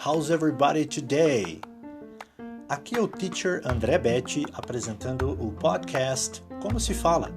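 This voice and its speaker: A man hosting a solo English-teaching podcast, explaining clearly and repeating words for emphasis. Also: on the high side.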